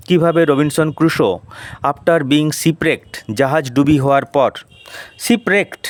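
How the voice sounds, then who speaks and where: A man with a Bengali accent teaching an English lesson, reading English lines slowly, then explaining them in Bengali and spelling out words for pronunciation. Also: on the high side, no echo. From West Bengal, India.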